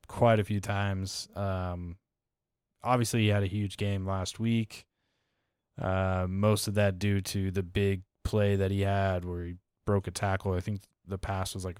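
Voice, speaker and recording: Male podcast co-host, low voice, relaxed banter, dry studio sound. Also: clean tone, dry recording. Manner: relaxed, laughs often, animated storytelling. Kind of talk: casual fantasy football chat.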